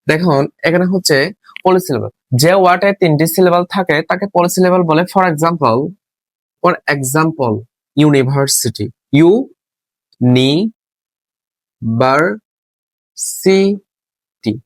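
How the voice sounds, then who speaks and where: A man's voice: a little high, moderate pace, dry recording. A male teacher giving a spoken lesson. He repeats each rule, asks questions and answers them himself, and spells words out letter by letter. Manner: repetitive, asks and answers his own questions. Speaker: English teacher.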